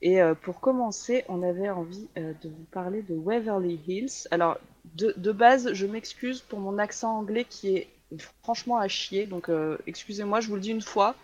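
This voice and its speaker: A woman's voice: medium pitch, moderate pace, a little mellow, highs cut off. A woman hosting a casual talk show, chatting with many hesitations and fillers as she introduces a haunted place. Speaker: host.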